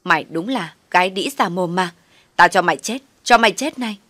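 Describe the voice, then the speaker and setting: Woman doing a furious shouting wife. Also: lowish voice, brisk, no room sound. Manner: shouting, threatening insults. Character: wife shouting at husband's older mistress.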